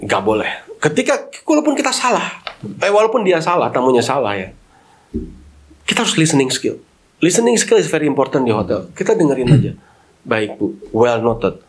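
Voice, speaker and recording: Man, podcast guest, hotel manager; lively swinging pitch, storyteller mixing English phrases. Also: fairly quick. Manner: animated storyteller, mixes English phrases into Indonesian. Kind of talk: casual podcast chat.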